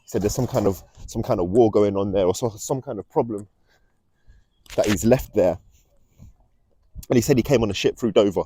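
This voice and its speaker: Out on a walk, a young vlog host rambles casually to the camera, his lowish, mellow voice carrying an earnest, ominous feel. He keeps a moderate pace broken by long pauses. A little hiss or hum is audible.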